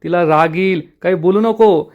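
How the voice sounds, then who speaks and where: Worried dad calming things, narrator doing him, soft and nervous. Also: male voice, high voice, normal speed, narrow, tinny audio, close to an everyday voice. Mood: placating. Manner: soothing, nervous. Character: anxious placating middle-aged father.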